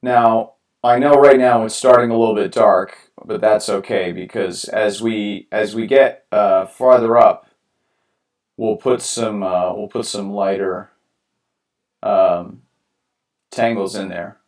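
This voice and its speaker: Low-voiced man chatting while painting, roomy. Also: slow, recorded from a distance. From New York, USA. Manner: relaxed, rambling, many fillers and restarts. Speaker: artist streaming live. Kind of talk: casual live-stream painting talk. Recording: roomy sound from away from the mic.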